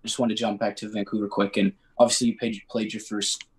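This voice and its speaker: A man's voice: on the low side, level tone, fast talker. A young man hosting a podcast, asking interview questions in a hesitant way with restarts. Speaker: podcast host.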